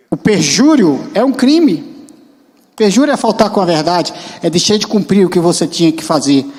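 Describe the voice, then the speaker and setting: High-voiced Brazilian deacon preaching. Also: male voice, a little mellow. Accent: Brazilian Portuguese. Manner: conversational preaching, asks the congregation questions. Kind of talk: sermon. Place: church hall. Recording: long church-hall reverb.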